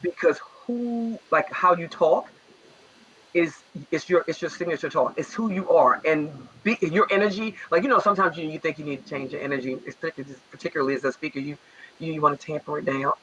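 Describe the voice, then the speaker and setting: A man with a Baltimore accent in casual talk show chat, energetic and a little rambling. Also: fairly high pitch, a little fast, slightly rough, muffled recording. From Baltimore area.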